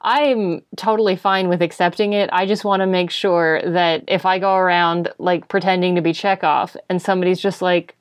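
A woman's voice: on the low side, fairly even intonation, normal speed, hardly any pauses. A woman co-hosting a podcast, asking curious questions in casual chat. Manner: curious, asks questions, laughs easily. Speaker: podcast co-host.

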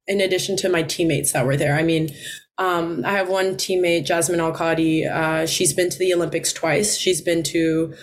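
A young woman college swimmer from the Philippines, answering interview questions in a relaxed way with frequent ums and light laughs. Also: fairly low pitch, moderate pace, a little hiss or hum. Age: 20s.

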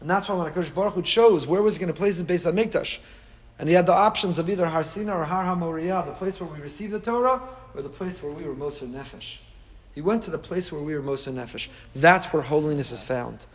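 A man's voice: on the high side, fast talker. A man giving a rabbi's sermon to a class, emphatic, repeating key phrases and posing rhetorical questions. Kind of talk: sermon, Torah lecture to a live group.

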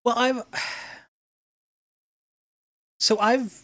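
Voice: medium pitch, steady tone, drawn-out words, pushed and bright. A speaker in a casual chat who tells wandering, reminiscing stories. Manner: meandering, reminiscing storytelling.

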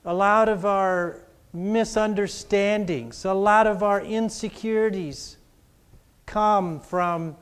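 Man preaching in church, slow and deliberate, slightly high voice, call-and-response, emphatic repetition. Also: steady tone, clear, resonant tone. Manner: call-and-response, has the congregation repeat after him. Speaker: pastor. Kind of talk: sermon. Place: church before a congregation.

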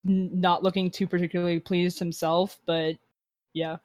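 A woman's voice: lowish voice, flat delivery, normal speed, darkish tone, no echo. A woman player at a tabletop game, talking casually with a wry, sarcastic edge.

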